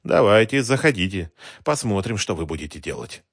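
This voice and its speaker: A man voicing a stubborn, hot-tempered shopkeeper who shouts back at gangsters. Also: on the low side, expressive, a little fast, no echo, clean studio sound. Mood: tense, defiant. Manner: defiant, shouting.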